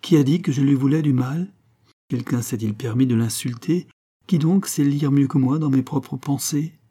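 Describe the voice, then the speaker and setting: A man voicing a moody, imperious young count, lovesick and emotional, with a husky voice. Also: medium pitch, normal speed, dark tone, voice pushed up, close to an everyday voice. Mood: indignant.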